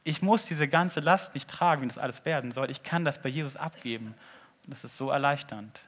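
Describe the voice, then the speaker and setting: A man preaching a sermon in an earnest way, swinging between loud appeals and hushed asides. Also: medium pitch, brisk. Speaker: pastor.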